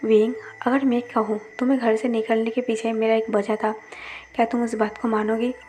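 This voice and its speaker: Woman voicing a gentle pleading young man. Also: on the high side, little pitch movement, normal speed, slight background noise, lightly acted. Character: pleading young man, former servant in love.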